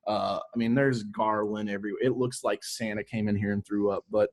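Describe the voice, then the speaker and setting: A man with a slightly husky voice explaining sales advice as an interview guest, informal and emphatic, with salty slang. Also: fairly low pitch, steady tone, brisk.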